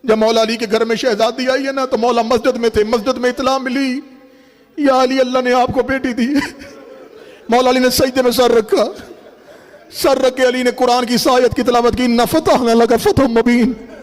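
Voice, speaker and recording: A man preaching a lament from the pulpit in Urdu with a Pakistani accent, wailing and chanting, his voice rising to strained shouts. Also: very high-pitched, little pitch movement. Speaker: Shia preacher reciting a lament. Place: gathering hall from the pulpit.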